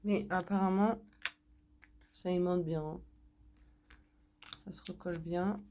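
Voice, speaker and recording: A French woman showing her craft purchases in a casual haul video, talking slowly with many hesitations, a little hoarse because she is sick. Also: fairly low pitch, steady tone, darkish tone, slight background noise. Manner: slow, hesitant, many fillers. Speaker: crafts vlogger.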